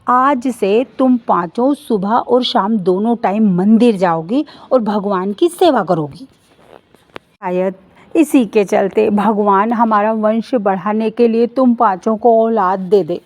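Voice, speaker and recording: Cartoon mother-in-law, loud and bossy, high and cutting, put on by a woman. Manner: shouting, taunting. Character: harsh shrill mother-in-law, scolding woman. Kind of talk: animated storybook voice acting.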